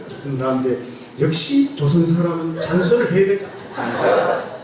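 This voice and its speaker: A fairly high-pitched man speaks over a faint hiss or hum. He is a guest pastor from Andong, South Korea, with a slight North Gyeongsang accent, delivering a joking testimony sermon that playfully teases the congregation. The church sanctuary recording is echoey and distant.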